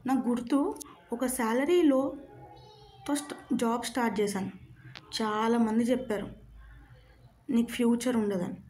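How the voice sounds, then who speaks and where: An earnest woman speaks straight to her audience in a motivational talk, pressing them with rhetorical questions. Her voice sits fairly high but sounds mellow and soft-edged. A faint noise runs under the recording. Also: measured pace, long pauses. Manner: earnest, rhetorical questions, mixes English phrases.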